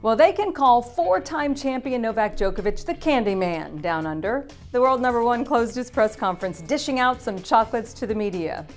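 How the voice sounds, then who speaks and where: A woman narrates a sports news roundup in a polished, upbeat scripted read. Her voice sits at a middle pitch and she drops in the odd light quip. Soft music runs quietly behind her. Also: animated, moderate pace, hardly any pauses. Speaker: news presenter.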